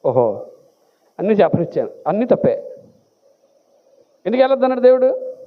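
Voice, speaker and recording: A male pastor in full sermon flow, his voice sitting high. He keeps asking the listeners questions and then answers them himself. The audio is narrow and tinny, like a phone line. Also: very animated, moderate pace.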